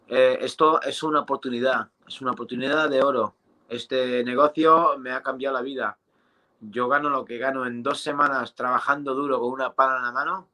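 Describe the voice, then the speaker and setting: A man in his thirties offers a casual motivational testimonial in a bright, forceful voice of medium pitch. He sounds eager but halting, filling his speech with fillers and restarted phrases. The recording is rough.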